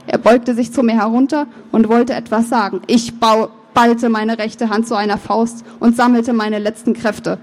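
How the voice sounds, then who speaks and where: A woman author reading her novel aloud, with measured, expressive first-person narration and the odd slip of the tongue. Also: on the high side. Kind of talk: book reading.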